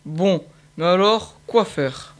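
A man's voice: sits high, slow, heavy background noise. Man doing a lazy, eager storybook hunting dog. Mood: musing. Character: lazy young male hunting dog, cheerful. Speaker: reader of a picture book. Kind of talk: children's storybook reading.

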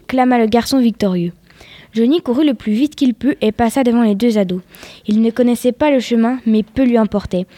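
A woman's voice: on the high side, warm tone, dry recording. A woman reading a suspense story aloud, sometimes sinking into a whisper at tense moments. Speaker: story reader.

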